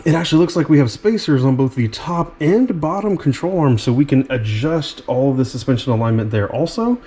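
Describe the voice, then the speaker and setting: A man's voice: medium pitch, animated, brisk, mellow. An enthusiastic man reviewing and unboxing a remote-control car, talking directly to his viewers and exclaiming over each feature.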